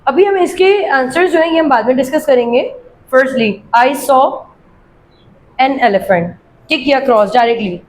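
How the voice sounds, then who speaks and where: With a high voice and lively intonation, a woman works through an English grammar worksheet: slow, clear readings of example sentences, then quick explanations. She often quizzes her students and answers for them. The recording is rough, with slight background noise.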